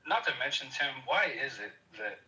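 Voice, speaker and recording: A man talking over a choppy call connection whose audio keeps cutting in and out, often clearing his throat. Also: medium pitch, sing-song, moderate pace, sharp tone, roomy sound, rough recording. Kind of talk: casual debate chat.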